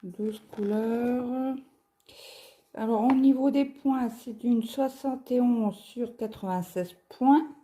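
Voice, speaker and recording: A woman from France talks slowly and unhurriedly as she unboxes and measures craft kits for her viewers. Her voice is mellow and soft-edged, and her easygoing chat is dotted with small hesitations and fillers. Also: a little high. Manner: slow, chatty, hesitant with fillers. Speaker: craft vlogger. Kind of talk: casual unboxing show-and-tell.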